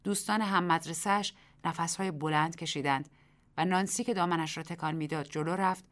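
A woman reading a short story aloud as the narrator of a radio program, measured and expressive. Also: fairly low pitch.

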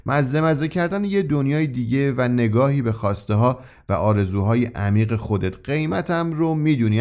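A man's voice: mid-range voice, darkish tone, pitched above the performer's own voice, lightly acted. A man voicing a mysterious, grinning old shopkeeper who sells his wonders with eager, confiding persuasion in a read-aloud story. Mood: grave. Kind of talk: audiobook character reading.

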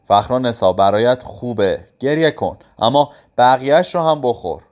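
A man's voice: mid-range voice, lively intonation, a little mellow, natural voice. A man voicing a curt, domineering old prince. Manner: curt and commanding. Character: cruel aging male aristocrat, domineering.

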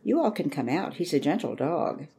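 Low-voiced, mellow read of a calm country doctor father, read by a woman. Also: gravelly. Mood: gentle. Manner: calm, measured and gentle.

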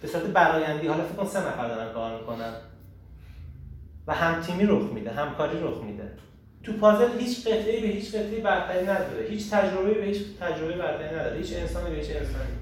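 A man hosting a casual group talk on personal growth, animated and emphatic, often asking rhetorical questions. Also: on the high side. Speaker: host leading a group discussion. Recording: echoey room, far from the mic, faint noise.

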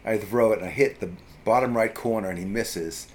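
A man's voice: lowish voice, brisk, a little hiss or hum. A middle-aged man telling a childhood story in a casual chat, rambling with lots of fillers and restarts. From US East Coast.

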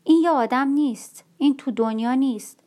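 Brief: woman reading a fearful, disturbed young painter woman, halting, a little high. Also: dark tone, lightly acted. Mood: evasive.

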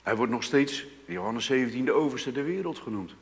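A man preaching in a voice of middling pitch. He drops to quiet, drawn-out phrases and then rises to loud, emphatic lines. His words ring out with a long reverb, as in a large church hall. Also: animated. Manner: dramatic swings between hushed and loud emphasis. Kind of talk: sermon.

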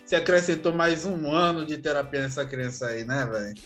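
A Brazilian woman reacting in casual chat with slow, drawling interjections. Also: low voice, fairly even intonation, over loud music. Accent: Brazilian Portuguese.

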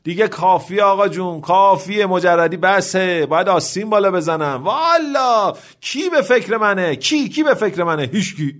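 A man's voice: sits high, lively intonation, hardly any pauses, fairly bright tone, voice pushed up. A man voicing a lonely older bachelor who complains in a self-pitying way. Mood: plaintive complaining.

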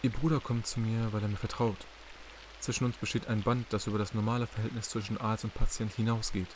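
A man voicing a polite, calculating male psychiatrist in an audiobook, soft and measured. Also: fairly low pitch, little pitch movement, slight background noise, natural voice. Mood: smooth. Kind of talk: audiobook character reading.

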